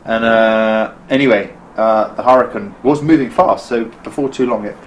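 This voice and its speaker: A British man with a somewhat low voice tells a story in a relaxed interview. He recounts it animatedly, slipping into the voices of the people involved and stumbling over restarts. A faint hiss sits under the recording. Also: normal speed, low-quality recording. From Britain. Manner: vivid, acts out quotes, frequent restarts. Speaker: filmmaker interviewed as guest. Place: costume shop.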